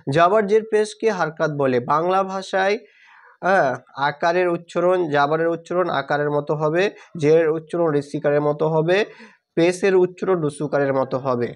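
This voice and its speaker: A man teaching Quran reading step by step, sounding out each letter slowly and often checking that students follow. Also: fairly high pitch. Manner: slow, drills each letter aloud and checks understanding. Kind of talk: step-by-step lesson.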